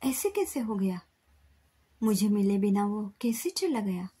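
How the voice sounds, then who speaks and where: A woman's voice: mid-range voice, big pitch swings, measured pace, warm tone, breathy edge, exaggerated voice. A woman voicing an older woman on the phone, talking snappishly in a raised voice. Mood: tearful. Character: older woman, irritable then tearful.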